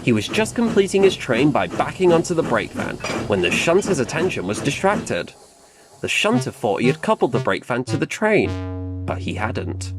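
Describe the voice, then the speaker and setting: A man narrating a children's train story in an expressive storytelling manner. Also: a little high. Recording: narration over loud music.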